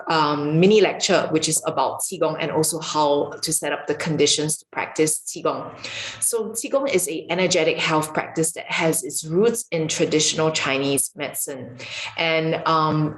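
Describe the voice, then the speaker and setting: A Singaporean woman who teaches qigong and yoga gives an online lesson in a calm, explanatory way, with the occasional filler "um." Her voice is low-pitched. She's in a home room with a marble floor, captured on a camera mic for a video, and the room sounds echoey.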